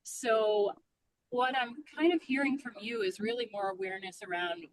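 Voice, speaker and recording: A woman from an advocacy organization calls in on her car's speakerphone while driving, chatting casually in a hesitant way full of ums and restarts. Her voice is medium-pitched and moderately paced. The audio is poor, with slight background noise.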